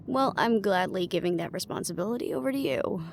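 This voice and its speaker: A woman with an expressive, mid-range voice, fairly quick pace and vocal fry plays a guarded, weary young team leader in a fantasy audio roleplay. Her delivery is dry, casual, wry and deflecting. There's a little hiss or hum in the recording.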